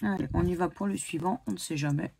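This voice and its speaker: A French scratch-card YouTuber chats casually while scratching lottery tickets, spelling out letters one by one with many hesitations. Her fairly low voice is fast, creaky, and warm, with a little hiss or hum audible.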